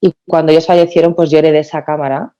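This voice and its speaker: A woman in her thirties from Spain, a podcast guest telling her story in a lively way with many restarts. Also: sits low, racing, highs cut off. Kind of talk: casual podcast interview.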